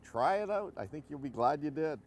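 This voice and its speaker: A man's voice: a little high, animated, a little fast, loud music behind the voice. A middle-aged Canadian man giving casual, easygoing fishing commentary, encouraging in short folksy phrases. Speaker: fishing show host. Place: outdoors on a fishing boat on a lake. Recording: boat engine and outdoor noise.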